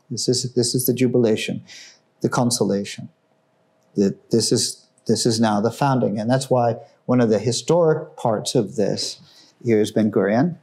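Speaking at medium pitch, this man guides listeners through artworks in an indoor museum room. His manner is enthusiastic and conversational, and his voice falls hushed and grave at the sorrowful pieces.

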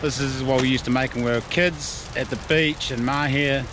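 A man's voice: medium pitch, fairly even intonation, moderate pace. A New Zealand man in his forties, a vlog host and father, chatting easily and matily with his young son while camping in the bush. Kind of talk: casual outdoor vlog chat. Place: outdoor bush campsite at night. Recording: outdoor recording with clear background noise.

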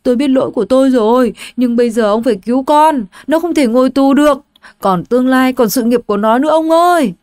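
A woman voicing a frantic older mother who pleads in a high, tearful voice. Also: normal speed, warm tone, no room sound, clean studio sound, natural voice. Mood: desperate pleading.

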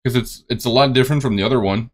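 A man's voice: medium pitch, very fast. A man in his thirties giving casual, teasing reaction commentary with chuckles, recorded indoors in a streaming room. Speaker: reaction video host.

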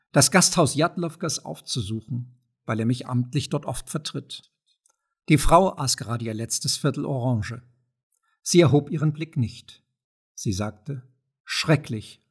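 A man narrating a classic novel as an audiobook, in a measured way, dropping low and soft at the narration tags. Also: husky.

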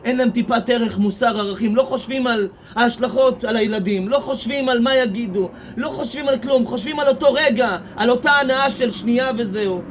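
A man, a rabbi with an Israeli accent, preaching a sermon and retelling stories, building up to near shouts. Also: very high-pitched, few pauses, a little hiss or hum. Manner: impassioned storytelling, rising to near shouts.

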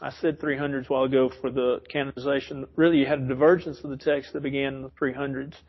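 This muffled recording features a man with a husky, medium-pitched voice speaking fast and in a level tone. He is teaching a casual Bible study in a church classroom, rambling, correcting himself, and chuckling often.

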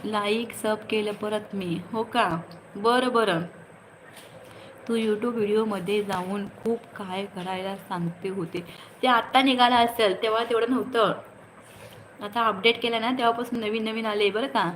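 A woman's voice: medium pitch, steady tone, unhurried, a bit bright, slight background noise, rough recording. A woman hosting a casual phone livestream, greeting viewers by name and chatting in a teasing way. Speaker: livestream host. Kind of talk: casual live chat reading comments.

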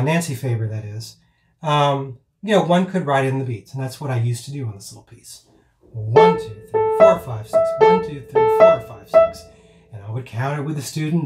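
A man teaching piano in a loose, rambling way, with many fillers and restarts, now and then chanting counts aloud. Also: mid-range voice. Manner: chants counts and rhythm words aloud as demonstrations. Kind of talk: informal teaching talk. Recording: roomy echo.

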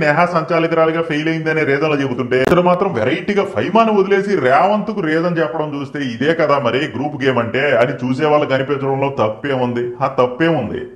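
Quick sarcastic guy roasting a reality show, slightly high voice, roomy echo. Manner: mocking, acts out quoted lines in shifted voices. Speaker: channel host and reality-show critic. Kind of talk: satirical commentary voice-over.

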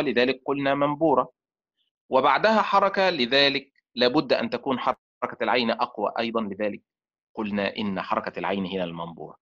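Man, lecturer, slow deliberate delivery, prompting questions, mid-pitched voice, dull lo-fi recording. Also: fairly bright tone. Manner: prompts students with half-finished questions for them to complete; slow and deliberate, sounding out syllables. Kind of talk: online lecture. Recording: dull lo-fi sound.

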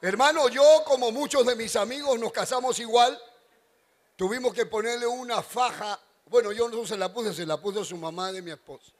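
Man, middle-aged pastor, lively joking sermon, fairly high voice, sudden shouts. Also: moderate pace. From Ecuador. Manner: animated joking storyteller, bursts into shouts. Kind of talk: humorous wedding sermon.

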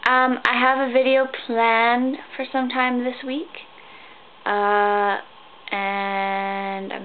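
A sixteen-year-old girl vlogging at night in her bedroom, rambling and tired, with sudden squeals of excitement. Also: on the high side. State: tired, sleepy. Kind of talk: rambling casual vlog. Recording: tinny phone-like sound, faint hiss.

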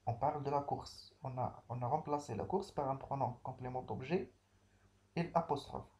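A man giving a grammar lesson, explaining slowly step by step and spelling out word endings, with occasional hesitations. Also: medium pitch, dark tone. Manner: slow and deliberate, spelling out endings with fillers. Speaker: French teacher.

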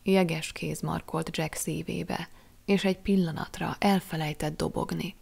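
Female audiobook reader; low, gravelly tone, measured expressive delivery. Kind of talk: audiobook narration.

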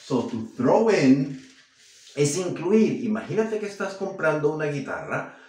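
A man teaching English phrasal verbs in Spanish. He says the English examples slowly and carefully, then explains them quickly. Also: on the high side, very animated, darkish tone, heavy reverb, far from the mic. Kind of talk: Spanish-language English lesson.

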